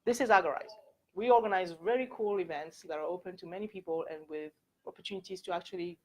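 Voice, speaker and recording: The recording is rough, but you can hear a young adult French woman with a French accent talking fast in a lowish voice. She's a workshop speaker addressing students in a university lecture room, keeping it candid and chatty with constant "like" and "actually."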